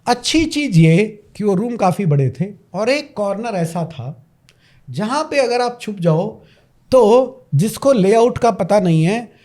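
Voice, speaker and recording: A man's voice: high voice, very animated, measured pace, dark tone. A man, a podcast guest telling a story dramatically and repeating lines for emphasis. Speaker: podcast guest, parenting coach.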